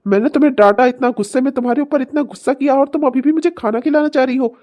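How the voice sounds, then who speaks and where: Woman as a husband and father, cartoon drama, tormented, harsh, higher-pitched, mellow. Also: steady tone, moderate pace, natural voice. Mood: angry. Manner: harsh, shouting, then anguished self-blame. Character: guilt-ridden husband and father of two. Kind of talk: cartoon voice acting.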